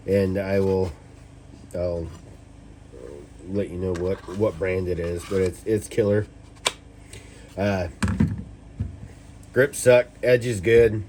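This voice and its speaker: Low male voice, tipsy rambling delivery, casual review chat, profane, noisy recording with clicks. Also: level tone, slow, long pauses. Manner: tipsy, loose and rambling, as if drinking. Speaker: knife reviewer. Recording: noticeable background noise with clicks.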